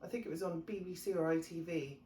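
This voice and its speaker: Chatty mum, low-pitched voice, recorded in a roomy space. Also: female voice, quick pace, mellow, a little hiss or hum. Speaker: family vlogger, mother. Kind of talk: casual chat.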